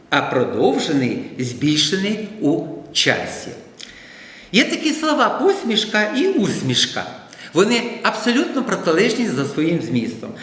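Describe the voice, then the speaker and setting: A high, lively male voice with a Ukrainian accent explains words carefully, pausing to stress each term. The sound is roomy, with a long reverb trailing behind him. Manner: deliberate, stresses each word, explains terms one by one. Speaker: lecturer. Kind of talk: educational lecture on word pairs. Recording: echoey room with long reverb.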